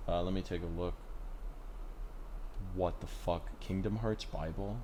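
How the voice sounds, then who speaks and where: A man's voice: sits low, fairly even intonation, a little slow, dark tone, slight background noise. A man co-hosting a casual podcast, rambling and swearing as he retells a show and acts out its lines. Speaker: podcast co-host. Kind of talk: casual chat.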